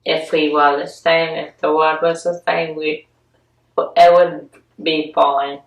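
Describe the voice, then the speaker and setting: A woman in her twenties from North Carolina, speaking haltingly in an interview, with long pauses between words. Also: low-pitched, flat delivery. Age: 20s. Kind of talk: personal interview. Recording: roomy room, distant mic, soft guitar.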